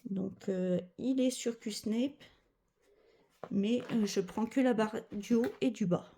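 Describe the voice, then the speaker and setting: A woman's voice: mid-range voice, slow, mellow. A woman chatting casually as a cross-stitch vlogger, rambling with many fillers and self-corrections. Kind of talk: casual chat.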